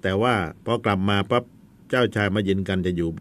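A man's voice: fairly low pitch, fast. A man teaching a history lesson in a chatty storytelling way, with asides to his students.

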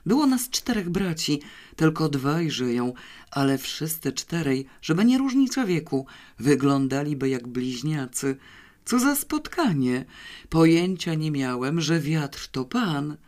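A man's voice: fairly high pitch, sing-song, measured pace. A reader voicing a cheerful middle-aged man who talks exuberantly to an old acquaintance. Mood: overjoyed. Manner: exuberant, warm.

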